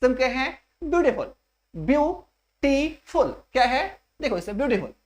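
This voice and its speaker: A woman with a fairly high voice is teaching a grammar lesson in an exam coaching class. She lays out each point step by step and repeats it slowly. She keeps asking her students rhetorical questions to keep them with her. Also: big pitch swings. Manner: slow and repetitive, spelling out each step. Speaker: English teacher.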